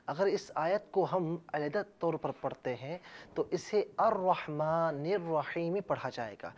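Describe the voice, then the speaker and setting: A man's voice: a little high, darkish tone. A man hosting a TV lesson on Quran recitation, explaining rules carefully and drawing out words letter by letter. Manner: measured teaching, drawn-out letter-by-letter recitation. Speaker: TV Quran teacher and host.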